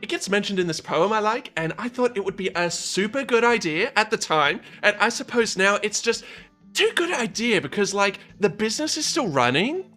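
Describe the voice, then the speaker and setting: A man's voice: high-pitched, big pitch swings, fairly quick, pushed and bright, soft background music, pitched above the performer's own voice, full character voice. Man doing a camp, rambling coffee shop owner.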